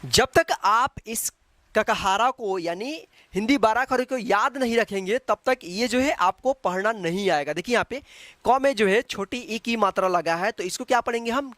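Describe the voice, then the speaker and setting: A woman teaching a Hindi alphabet lesson. She explains patiently, repeats herself and checks in often, then chants syllables loudly and slowly. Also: medium pitch, no echo. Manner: patient, repetitive, checks with frequent "ठीक है".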